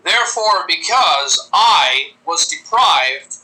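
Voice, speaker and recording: A man's voice: on the high side, expressive, takes it slowly, pushed and bright, poor audio. A man in a played clip, delivering a formal complaint in stiff, pseudo-legal wording.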